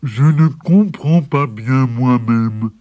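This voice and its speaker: A man's voice: medium pitch, slow pace, warm tone, no echo, close to an everyday voice. A man voicing a timid, simple water buffalo in a storybook, hesitant and stammering.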